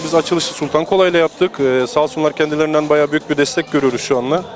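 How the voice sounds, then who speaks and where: A man's voice: fairly high pitch, fairly even intonation, very fast, over music. A man in an event interview, often searching for his words.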